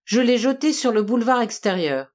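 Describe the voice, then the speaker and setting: A woman's voice: on the high side, expressive, fairly quick, a little mellow, lightly acted. A woman doing a despairing male prisoner. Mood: sullen. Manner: despairing, bursts into rage. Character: desperate male murder suspect, mid-thirties.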